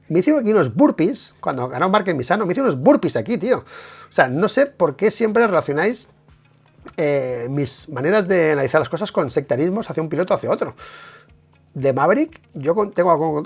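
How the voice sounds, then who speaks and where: Animated Spanish streamer man, gravelly. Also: a little high, a little fast, soft background music. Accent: Spain Spanish. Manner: animated, emphatic, swears, many tag questions. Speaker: motorcycle racing streamer. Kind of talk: casual live stream race analysis.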